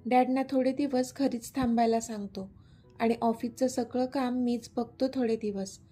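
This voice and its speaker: A woman's voice: fairly high pitch, fairly even intonation, normal speed, warm tone, faint music behind, close to an everyday voice. A woman voicing an anxious young son. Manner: urgent, anxious. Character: impatient, worried young son.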